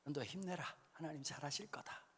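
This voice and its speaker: Animated high-voiced preacher in a hall. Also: male voice, a little fast, husky. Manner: animated, jokey preaching with sudden shouted acted quotes. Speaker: pastor. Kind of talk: sermon. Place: large church hall. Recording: echoey hall sound.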